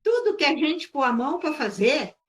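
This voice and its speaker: A woman's voice: high-pitched, very animated, normal speed, fairly bright tone. A woman taking part in a church class discussion, speaking hesitantly and politely as she sums up the lesson. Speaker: class participant.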